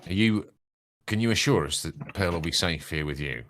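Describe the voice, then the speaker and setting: A man's voice: sits low, animated, moderate pace, fairly bright tone. A man speaking as a player in a tabletop role-playing game, wry and wordy, with old-fashioned turns of phrase. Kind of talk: in-character tabletop game chat.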